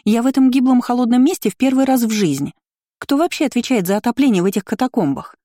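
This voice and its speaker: A narrator voicing an indignant, haughty young female aristocrat in a loud, raised voice in an audiobook reading. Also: medium pitch, fast talker, dry recording, studio quality, pitched above the performer's own voice, close to an everyday voice.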